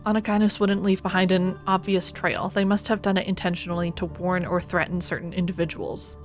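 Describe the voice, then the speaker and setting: A woman streaming a video game, reading out story text and commenting on it in an expressive, theatrical way. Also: on the low side, fairly quick. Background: music.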